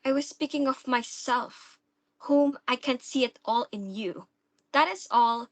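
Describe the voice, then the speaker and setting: A woman's voice: high-pitched, measured pace. A woman acting a bold, mocking young stepdaughter in a dramatic stage-play reading. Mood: mocking, insistent.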